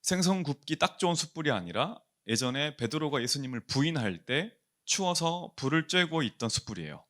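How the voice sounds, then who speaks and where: A man preaching in a church with a lively, animated voice that swings up and down. He asks his listeners questions and answers them himself. When he quotes a question, he drops his voice and slows down. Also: fairly high pitch. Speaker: pastor. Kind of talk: sermon.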